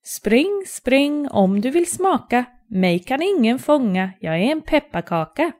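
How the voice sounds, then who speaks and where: A woman's voice: big pitch swings, darkish tone. A woman doing a cheeky sing-song gingerbread man. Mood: taunting. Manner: high sing-song taunting chant.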